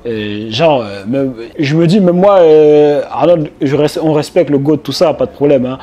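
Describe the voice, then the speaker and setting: A man's voice: a little high, moderate pace, warm tone. A man from France, a business coach, talking casually and directly to his viewers, with lots of fillers and restarts. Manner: chatty, informal, speaks directly to the viewer, many fillers and restarts. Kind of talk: casual video commentary to the viewer.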